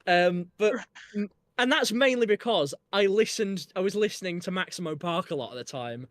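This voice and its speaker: Talking about his album as a guest, this young Yorkshire-accented musician from Northern England keeps things casual and rambling, full of fillers and restarts. His voice is high and fairly bright, and he speaks at a moderate pace.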